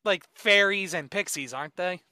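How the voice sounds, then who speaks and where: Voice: medium pitch, sharp tone, dry recording. A podcast co-host in casual chat who rambles with lots of "like" and laughs easily. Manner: rambling, full of "like", quick to laugh.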